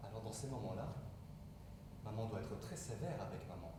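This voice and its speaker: An actor playing an anxious, touchy parent figure in a live stage play, declaiming and swinging between hushed and loud. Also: male voice, lowish voice, expressive, a little fast, close to an everyday voice. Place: theatre stage. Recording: echoey hall from far off, room hiss.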